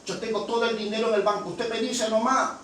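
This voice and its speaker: A shrill, insistent churchwoman who rattles off her demands high and fast, as a preacher puts her on. Her pleading jumps up to a piercing pitch. It is heard from far off in an echoey, noisy hall. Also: flat delivery, fairly bright tone. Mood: eager. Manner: shrill, indignant, rapid pleading. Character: eager insistent middle-aged churchwoman, pushy.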